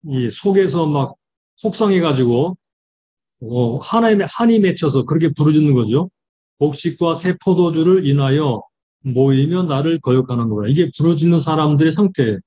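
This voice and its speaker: A man, a pastor, giving a Bible study lecture, reading verses slowly and explaining them with frequent fillers. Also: on the high side, expressive, mellow, husky.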